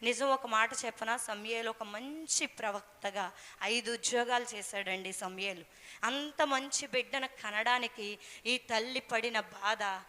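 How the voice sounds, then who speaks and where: Brief: woman preacher, bright and high, earnest storytelling sermon, reverberant hall.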